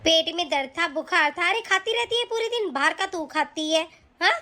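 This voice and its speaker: A woman's voice: very high-pitched, animated, moderate pace, bright, forceful tone, full character voice. A woman voicing a nagging, scornful middle-aged mother-in-law in a cartoon, scolding and taunting harshly. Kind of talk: cartoon voice acting.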